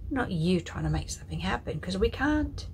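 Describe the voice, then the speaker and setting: A woman sharing a devotional message, reading scripture in a soft, prayerful way that often drops to a whisper. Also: medium pitch, big pitch swings, normal speed, slight background noise, rough recording. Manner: emotional, tearful at moments. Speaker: ministry leader sharing a prophetic word.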